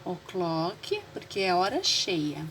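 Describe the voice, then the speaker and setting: A woman teacher with a Brazilian Portuguese accent, a native Portuguese speaker, explaining English words slowly and repeating them for her learners. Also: on the low side, big pitch swings, fairly bright tone, slight background noise, rough recording. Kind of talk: classroom lesson explaining vocabulary.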